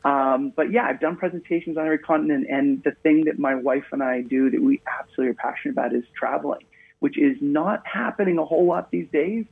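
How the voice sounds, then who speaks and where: This Maine man's voice is a little high, fast, creaky and slightly rough. He's a guest in a casual radio interview, telling stories cheerfully over a remote connection with tinny phone-line sound.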